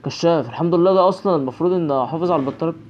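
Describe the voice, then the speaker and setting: A man's voice: on the high side, very fast, dull audio. Jumpy Egyptian man playing a horror game. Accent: Egyptian Arabic. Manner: jumpy, frightened exclamations and nervous rambling. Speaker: gaming channel host.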